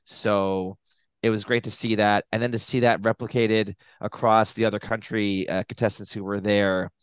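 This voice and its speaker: A man from Canada, a podcast guest, giving measured, thoughtful opinions in casual chat. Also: fairly low pitch, little pitch movement, clean tone, dry recording.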